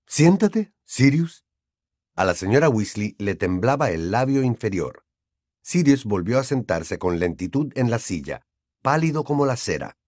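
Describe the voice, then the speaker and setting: A man narrating an audiobook in an expressive storytelling manner. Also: fairly low pitch, normal speed, no echo, studio quality. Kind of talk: scripted narration.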